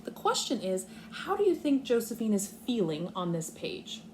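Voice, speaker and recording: A kindergarten teacher reads aloud to young children, talking through her thinking step by step at a normal speed. Her pitch is lively and varied, and faint background noise can be heard on the recording.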